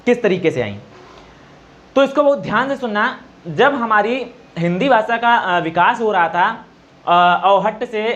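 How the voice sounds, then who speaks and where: A teacher giving a Hindi grammar lesson for exam preparation, explaining slowly and answering his own questions. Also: medium pitch, dull audio.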